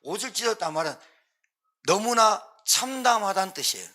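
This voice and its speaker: A man's voice: high voice, big pitch swings, normal speed, pushed and bright. A male pastor preaching a sermon emphatically, repeating his points for stress and acting out pleading quotes.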